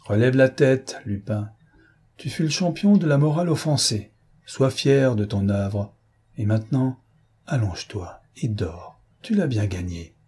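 A man doing a suave, ironic gentleman thief. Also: medium pitch, lively intonation, a little slow, husky. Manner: polite, ironic, self-mocking.

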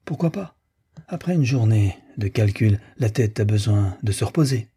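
Male reader doing a sorrowful, restrained wife; soft, plaintive, dark-toned. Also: on the low side, lively intonation, moderate pace, breathy edge. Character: grieving, yearning bourgeois wife in her thirties. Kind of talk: audiobook character reading.

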